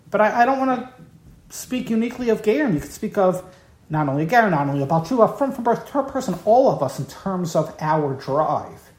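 A woman's voice: sits low, darkish tone. A woman giving an evening Torah lecture in an emphatic, impassioned way, often repeating key words. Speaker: Torah teacher. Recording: roomy, echoey room.

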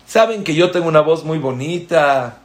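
A man's voice: fairly high pitch, expressive, moderate pace, roomy sound, pitched above the performer's own voice, lightly acted. A man voicing a proud, offended worshipper who feels he deserves synagogue honors, speaking in an indignant, self-important way.

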